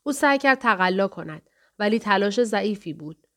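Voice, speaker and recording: Female audiobook narrator, steady and measured delivery. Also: mid-range voice.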